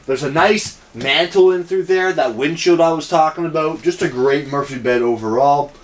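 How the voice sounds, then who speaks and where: A man's voice: fairly high pitch, moderate pace. A man giving an upbeat, jokey walkthrough of a camper trailer as a dealership salesman. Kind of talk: casual walkthrough tour. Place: inside a small camper trailer. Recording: noisy camper interior.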